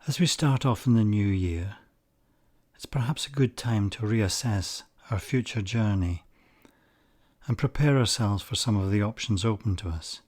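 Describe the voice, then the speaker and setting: A man with a lowish voice leads a slow guided meditation, speaking softly, calmly, and without hurry. Some of his phrases are breathy and nearly whispered.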